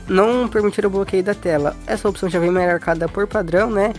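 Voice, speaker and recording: A woman's voice: medium pitch, a little fast, a little mellow. A Brazilian woman talks through a phone tutorial step by step in a casual, informal way. She often checks in with short tag questions, and faint music plays behind her. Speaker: tutorial host.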